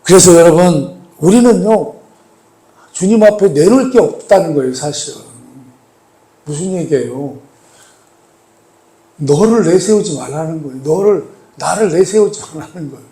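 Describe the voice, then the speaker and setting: Warm-voiced pastor in an echoey church. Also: male voice, on the high side, normal speed, long pauses. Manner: asks the congregation rhetorical questions; emphatic, swells louder on key points. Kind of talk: sermon. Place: church sanctuary.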